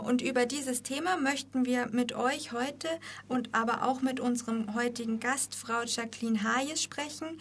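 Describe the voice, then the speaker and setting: A woman co-hosting a radio talk show in the studio, reading scripted lines and sometimes stuttering on a word. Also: on the high side.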